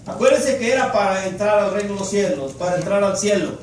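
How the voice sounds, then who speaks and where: A man's voice: high-pitched, expressive, quick pace. A man preaching a sermon in Spanish with an emphatic, repetitive cadence. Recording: echoey and distant with faint noise.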